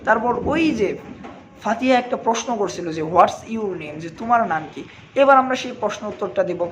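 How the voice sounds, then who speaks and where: High-voiced Bangladeshi man teaching English. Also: expressive, brisk, a bit bright, a little hiss or hum, poor audio. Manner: spells words out letter by letter, mixes English phrases into Bengali. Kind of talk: classroom English lesson explained in Bengali.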